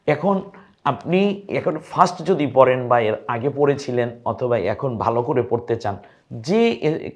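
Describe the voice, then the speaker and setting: A man with a mid-pitched voice teaches the Arabic alphabet, naming each letter and urging listeners to say it back to him. His voice comes through a somewhat dull, lo-fi recording. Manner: coaxing, repeats letter names for viewers to echo. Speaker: Quran teacher.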